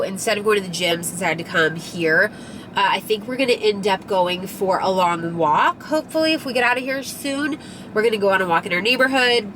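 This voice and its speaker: Over some background noise, a young woman with a mid-range voice rambles chattily through her lifestyle vlog, using many filler words. A recent cold has left her sounding slightly nasal.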